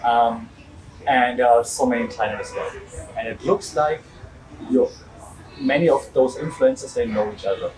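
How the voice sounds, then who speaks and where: A man's voice: mid-range voice, fairly even intonation, moderate pace, long pauses, recorded from a distance, over music, low-quality recording. A man with a German accent hosting a podcast, chatting in a rambling way with frequent restarts and laughs. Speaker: podcast host. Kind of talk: casual interview chat.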